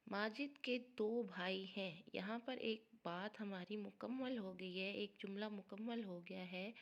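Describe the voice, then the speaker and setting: A woman's voice: mid-range voice, gravelly. A woman teaching a primary school grammar lesson, patiently explaining and repeating things for children.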